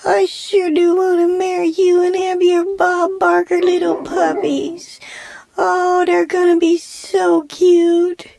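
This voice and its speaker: A woman's voice: very high-pitched, monotone, slow, creaky, warm tone, exaggerated voice. A woman voicing a sassy, lovestruck female cartoon dog with a gushing manner, in a comic pet voice-over.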